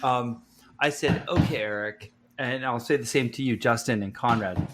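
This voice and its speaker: A man's voice: mid-range voice, normal speed, noisy background. A man co-hosting a podcast, rambling through a long question and swearing casually. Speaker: podcast co-host.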